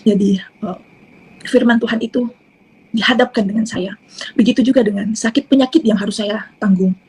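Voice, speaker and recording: A middle-aged woman giving an earnest personal testimony, halting often with fillers and restarts. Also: mid-range voice, a little mellow, slightly rough, rough recording. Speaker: testimony speaker.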